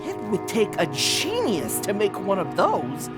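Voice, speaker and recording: A woman voicing a proud, resentful young boy animal who snaps and shouts in a radio drama. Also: medium pitch, huge pitch swings, a little slow, loud music behind the voice. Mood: sulky. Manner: prickly, resentful, bursts of shouting.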